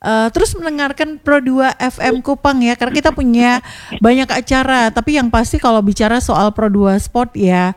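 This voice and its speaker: A young adult woman hosting a radio interview in a studio, bubbly and encouraging with soft hums. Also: fairly high pitch, normal speed. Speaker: radio host.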